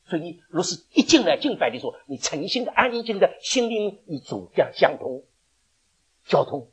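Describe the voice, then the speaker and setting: A man's voice: high-pitched, big pitch swings, moderate pace, slightly rough, lo-fi sound. A man preaching a sermon, telling stories in a chatty way with laughs and stammered restarts.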